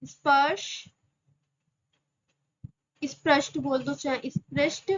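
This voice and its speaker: A woman's voice: high-pitched, steady tone, fairly bright tone, muffled recording. A woman teaching an exam-prep grammar lesson, repeating each term and answering her own questions. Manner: slow, repeats terms and asks rhetorical questions.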